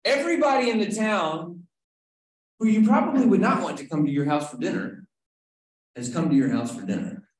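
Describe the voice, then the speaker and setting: A man's voice: sits high, animated, normal speed. Conversational man teaching Bible study. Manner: conversational, asks the group questions, frequent "right?". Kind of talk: casual Bible study teaching on a video call. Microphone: video call. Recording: very echoey room.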